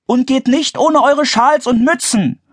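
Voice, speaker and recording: A man voicing a caring mother calling out gentle warnings in a storybook audiobook. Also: extremely high pitch, a little slow, no echo, clean studio sound, voice pushed up. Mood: admonishing. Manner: calling out, admonishing.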